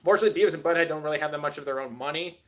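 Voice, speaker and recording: A man's voice: fairly high pitch, very fast. A man hosting a live stream, rambling casually and answering chat with many filler words.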